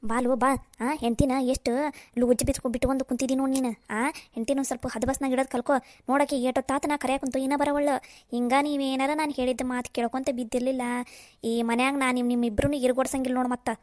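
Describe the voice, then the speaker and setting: A bossy cartoon mother-in-law from a village, played by a woman scolds in a North Karnataka Kannada accent. Her voice is high and her words rush out. The recording is close and dry. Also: little pitch movement, fast, no room sound, natural voice. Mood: domineering. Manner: scolding, sharp-tongued. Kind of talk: cartoon voice acting.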